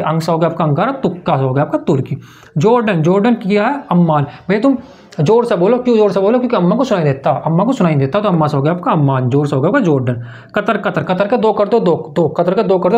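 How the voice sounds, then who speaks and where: A man's voice: high voice, a little mellow, highs cut off. A man teaching memory tricks in a lesson, asking questions and answering them himself in a sing-song way. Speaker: exam-prep teacher. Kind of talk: mnemonic lesson to camera.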